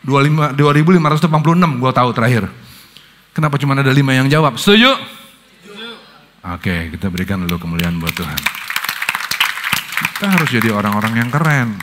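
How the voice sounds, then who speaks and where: Telling stories in slang, a middle-aged man, a pastor with a Jakarta accent, delivers a relaxed sermon to young people. His voice sinks to low murmurs and leaps to high, excited outbursts.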